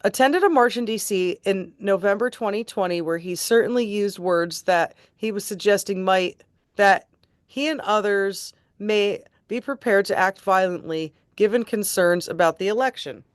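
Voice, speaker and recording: A woman reading court transcript passages aloud in a steady, deliberate way and adding her own remarks. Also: mid-range voice, no echo, clean studio sound. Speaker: tribute band host reading court transcripts.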